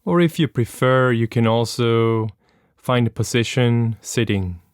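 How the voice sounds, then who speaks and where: In a dry, close recording, a man with a smooth, clear voice of medium pitch leads a meditation. He goes very slowly, staying gentle and calm and pausing at length between each instruction.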